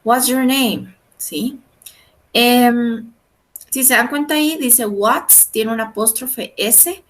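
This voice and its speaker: A woman teaching an English class, explaining step by step, often checking in with her students and slowing down to pronounce English phrases. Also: a little high, a bit bright. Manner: explanatory, frequent checks like "¿verdad?" and "¿sí?". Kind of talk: online class lecture.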